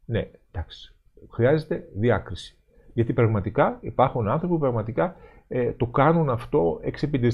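A man's voice: mid-range voice, creaky, slightly rough, muffled recording. A middle-aged man, an Orthodox priest, giving an emphatic sermon commentary that mixes readings with rhetorical questions.

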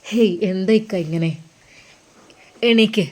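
Woman voicing a gentle consoling younger brother. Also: mid-range voice, slow, natural voice. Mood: concerned. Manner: soothing, earnest, reassuring.

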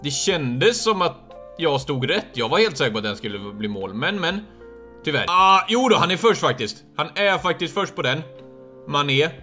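A young man giving live commentary on his own football video game match, chatty and quick to shout and cheer when goals go in. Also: on the high side, soft background music. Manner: excitable, bursts into loud cheers at goals. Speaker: gaming streamer.

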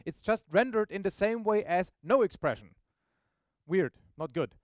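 This software presenter has a high voice and talks at a moderate pace, captured in a dry recording. Standing on stage at a meetup room, he gives a casual, explanatory live tech demo, frequently pausing to ask the audience questions.

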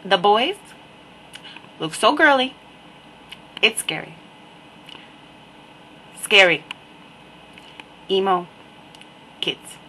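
Wry slow-talking New woman. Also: medium pitch, slight background noise, low-quality recording. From New Jersey. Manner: wry, repetitive, deadpan asides. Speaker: vlogger. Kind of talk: casual webcam monologue.

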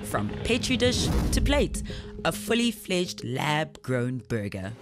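A woman narrates a news feature in a fairly low voice that rises and falls with wide, animated swings. Her delivery is scripted and playful, with a music bed playing beneath it. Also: slow pace. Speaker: reporter.

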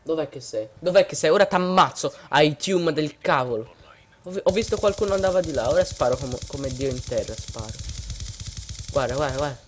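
A gamer giving gameplay commentary, swinging between low muttering and outraged yelling at opponents. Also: lively intonation, normal speed, slight background noise.

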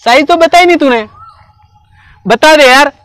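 High-voiced cheeky young man. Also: unhurried, slight background noise. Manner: cheeky, mock-apologetic, talking loudly on a phone. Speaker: prankster. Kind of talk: hidden-camera prank banter. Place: outdoor park.

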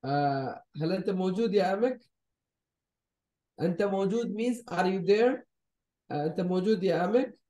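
High-voiced male tutor on a video call, slow and patient, repeats phrases for students. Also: animated, dark tone. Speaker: Arabic teacher. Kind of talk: live online language class.

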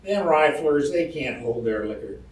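A man reading aloud while voicing a drunk, quarrelsome cavalry private who taunts loudly in a frontier drawl. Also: fairly high pitch, animated, moderate pace, lightly acted. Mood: belligerent taunting. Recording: roomy hall, distant mic, faint ambience.

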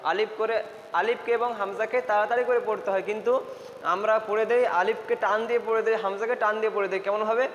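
High-voiced man teaching letter sounds. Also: steady tone, a bit bright, highs cut off, slight background noise. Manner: repeats letter sounds slowly and emphatically. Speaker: Quran recitation teacher. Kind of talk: spoken pronunciation lesson. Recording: echoey room with faint ambience.

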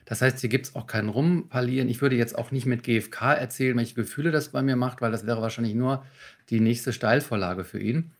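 A man with a gravelly, slightly husky voice talks in a podcast interview as a communication trainer. He explains calmly and instructively, walking through techniques step by step. His pitch sits in the middle range. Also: fairly quick. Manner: calm, instructive, walks through techniques with examples.

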